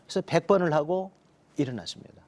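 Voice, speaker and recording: A man's voice: a little high, animated, quick pace, darkish tone. A middle-aged man, a pastor, telling a personal testimony and acting out his own quoted words. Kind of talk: personal testimony told in a talk show.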